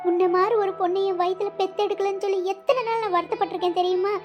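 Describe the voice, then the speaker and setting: A fretful middle-aged aunt in a cartoon who has raised her niece as her own. Her voice sits very high, and she pleads with emotion over clear background music. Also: fairly even intonation, rapid-fire. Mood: pleading. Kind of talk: cartoon voice acting.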